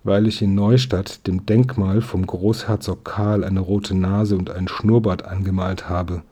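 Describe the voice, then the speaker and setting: An eager, polite country schoolboy who turned detective, voiced by a man reading aloud. He chatters with raised pitch and bright enthusiasm, though the voice keeps a husky edge. He sounds like a character from a storybook audiobook. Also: steady tone, measured pace.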